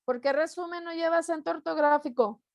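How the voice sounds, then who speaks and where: A woman's voice: very high voice, fairly quick, darkish tone, no echo. A young woman from Mexico teaching an online class, patiently explaining rules step by step and repeating them.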